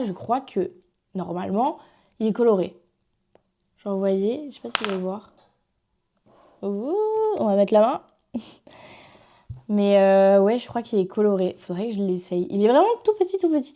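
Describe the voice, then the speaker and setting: Chatty young Frenchwoman with a mellow voice. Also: mid-range voice. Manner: chatty, rambling with many fillers. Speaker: vlogger. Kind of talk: casual makeup haul chat.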